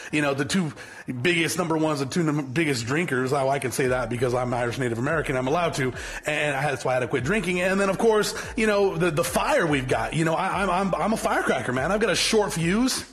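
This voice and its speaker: A man in his forties, a business owner and motivational vlogger, gives his viewers an unscripted motivational talk in a fairly high, a bit bright voice. He's blunt and fiery, rambling and repetitive, swearing freely and often restarting sentences.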